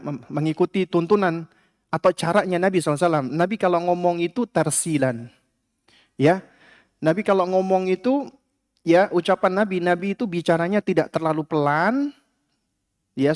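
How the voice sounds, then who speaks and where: A man's voice: on the high side, darkish tone. A man giving a conversational religious lecture at a study gathering, often tagging his points with "ya". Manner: conversational, frequent filler "ya" and "apa". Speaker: Islamic religious teacher.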